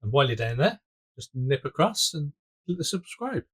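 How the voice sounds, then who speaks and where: A man's voice: on the high side, sing-song, moderate pace, a bit bright, slightly rough. A man chatting casually as a co-host, with a dry, teasing manner. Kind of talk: casual chat.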